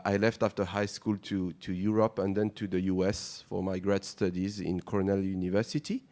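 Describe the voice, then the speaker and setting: Man, middle-aged, low voice, panel self-introduction, casual humor, fillers. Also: darkish tone. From Morocco. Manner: anecdotal, light humor, frequent fillers. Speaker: panelist, startup founder.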